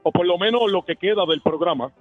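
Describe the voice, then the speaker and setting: A boastful rich man phones in, swaggering and tossing out insults, as a man puts him on. His fairly high voice comes through a thin, phone-like line. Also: a little fast, soft background music. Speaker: caller.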